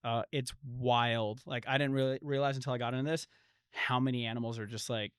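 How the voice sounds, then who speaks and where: A young man talks in a mid-range voice with lively swings and plenty of filler words. His voice sounds close and dry, with almost no room around it. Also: mid-range voice, fairly quick, clear, resonant tone, no echo. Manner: animated storyteller, lots of "like" fillers. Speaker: podcast guest. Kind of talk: casual chat.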